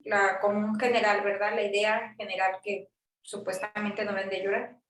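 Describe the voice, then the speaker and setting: A woman's voice: mid-range voice, flat delivery, normal speed, fairly bright tone. A woman in casual conversation who thinks aloud and speaks tentatively. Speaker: conversation partner. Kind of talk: casual chat. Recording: echoey room with faint noise.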